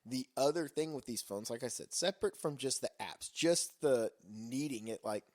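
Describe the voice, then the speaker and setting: A man's voice: mid-range voice, normal speed, dry recording, studio quality. A man in his thirties co-hosting a casual talk podcast, rambling and interrupting himself with lots of "like". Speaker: podcast co-host. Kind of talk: casual conversation.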